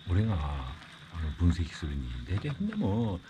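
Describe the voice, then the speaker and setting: A man's voice: low voice, huge pitch swings, moderate pace. A man chatting casually in colloquial dialect over food and drinks. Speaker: vlog participant. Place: inside a tent. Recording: noisy ambient tent recording.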